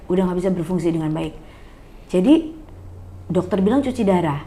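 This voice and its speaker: A woman's voice: on the low side, animated, a little fast, warm tone. Middle-aged woman guest telling a personal story, earnest, does little voices for the people she quotes. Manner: earnest, often acts out others in quoted voices. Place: coffee bar.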